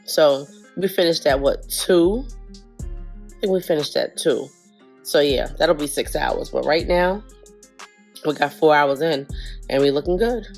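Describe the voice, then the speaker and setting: A woman's voice: low-pitched, a little slow, long pauses, darkish tone, soft background music. Nasal-sounding woman, chatty beauty vlogger. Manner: chatty, repeats herself, addresses viewers as guys. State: sick, nasal voice. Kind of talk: casual makeup review to camera.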